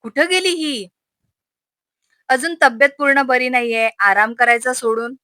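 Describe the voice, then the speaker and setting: A woman's voice: sits high, a little slow, sharp tone, no room sound. A woman voicing a stern young husband who talks in a commanding, raised way, in a storybook reading. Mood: worried. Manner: raised, bossy calling.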